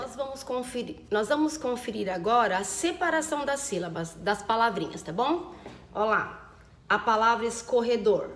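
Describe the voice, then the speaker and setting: Brief: higher-voiced female teacher, slow careful dictation for kids, echoey room. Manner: slow, over-enunciated dictation of words; affectionate diminutives and frequent check-ins. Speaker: primary school teacher. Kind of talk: recorded remote lesson for children.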